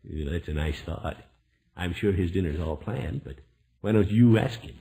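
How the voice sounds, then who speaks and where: A man's voice: deep voice, expressive, moderate pace, vocal fry, mellow. A man playing a genial, blustery middle-aged uncle in 1950s radio comedy, with a hesitant, theatrical way of talking. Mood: friendly.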